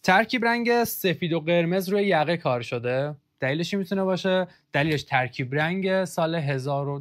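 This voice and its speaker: A man's voice: a little high, fairly bright tone. A young man hosting a casual football kit review, joking and sarcastic as he reads out comments.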